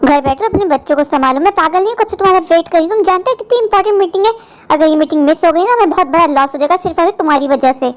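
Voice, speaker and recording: A woman's voice: very high-pitched, racing. A woman voicing a strict, impatient office woman in a cartoon, scolding and lecturing. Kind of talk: cartoon voice acting.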